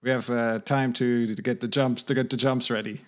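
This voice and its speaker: A man's voice: mid-range voice, flat delivery, normal speed. A middle-aged man hosting a podcast, asking questions in a friendly, hesitant way with lots of uhs. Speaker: podcast host. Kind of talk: casual interview.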